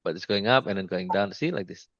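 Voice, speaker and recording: A man with a low voice walks a listener through trading charts in a loose, halting way, often restarting and repeating "see, like this." The sound is dry and close, with dull lo-fi call audio. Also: lively intonation, no echo. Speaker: trading mentor. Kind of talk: informal screen-share lesson.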